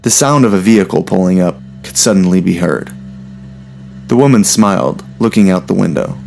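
A man narrating a story in a steady, measured reading voice. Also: sits low, vocal fry.

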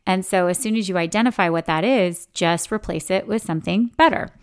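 A middle-aged woman hosts a podcast, speaking candidly in a casual, reflective way that's full of "like" and "you know." Her voice sits on the low side and is smooth, and she talks fairly quickly.

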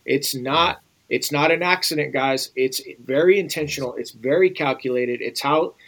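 A man's voice: fairly high pitch, moderate pace, fairly bright tone, poor audio. American guy on a podcast, middle-aged, urgent and earnest, keeps calling out to listeners. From United States. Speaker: guest. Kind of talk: podcast interview.

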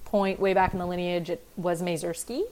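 A woman's voice: on the low side, level tone, brisk, a crowd in the background. A woman guest on a podcast, a school teacher, chatting in an easygoing, friendly way. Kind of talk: casual interview chat.

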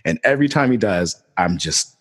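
A man's voice: deep voice, expressive, moderate pace, fairly bright tone, husky, in a large hall. A man in casual podcast conversation, telling a story animatedly, laughing and swearing casually.

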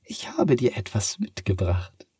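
A man's voice: fairly low pitch, wildly swooping pitch, mellow, breathy edge, no room sound, clean studio sound, heavily acted. A man voicing a sly, kind talking cat from the moon in a bedtime story, purring and teasing. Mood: gentle. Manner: purring, drawn-out teasing delivery.

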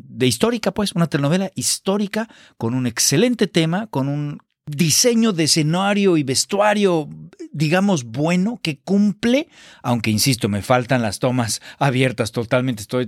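A man's voice: medium pitch, dry recording, clean studio sound. A man giving a casual, exasperated and sarcastic spoken film review. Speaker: film critic.

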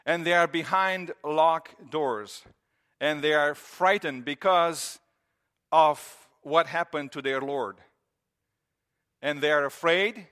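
A man's voice: on the high side, sharp tone. A man, preaching a sermon in an earnest, conversational way with repeated phrases. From Romania. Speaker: pastor.

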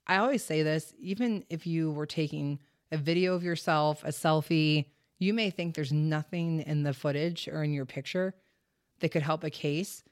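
A woman's voice: low-pitched, normal speed, no room sound. Woman narrating true crime, dry mic. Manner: reads case details, stumbles over place names. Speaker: podcast host.

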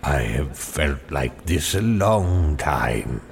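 A man voicing a feeble, dying, very old Father Christmas who talks slowly and wearily. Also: rumbling low, sing-song, vocal fry, pitched below the performer's own voice, exaggerated voice. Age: older. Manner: slow, weary, faint. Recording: long hall reverb.

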